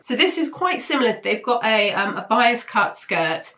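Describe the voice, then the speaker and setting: This British woman's voice sits a little high, with a sing-song lilt, a sharp tone and a normal pace. Hosting her weekly sewing pattern roundup as a casual review vlog to camera, she's chatty and enthusiastic, though flu and a blocked nose leave her sounding nasal and congested.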